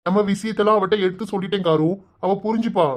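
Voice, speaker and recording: A woman's voice: medium pitch, close to an everyday voice. Woman voicing a coaxing young village man. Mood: reassuring. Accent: Kanyakumari Tamil. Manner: teasing and coaxing, soft and drawn-out. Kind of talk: cartoon voice acting.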